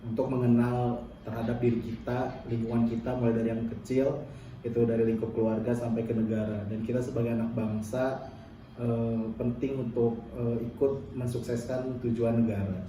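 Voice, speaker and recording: A man's voice: medium pitch, level tone, moderate pace, dark tone, slight background noise. A man in his twenties, a university student, answering interview questions hesitantly with many fillers. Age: 20s. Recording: very echoey room, mic far off.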